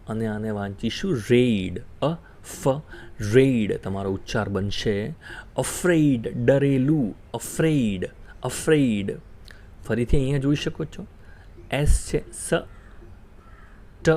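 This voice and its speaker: A man teaching English pronunciation, repeating each word slowly so learners can say it after him. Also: medium pitch, warm tone. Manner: slow, repeats words for learners to echo. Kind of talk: spoken English lesson.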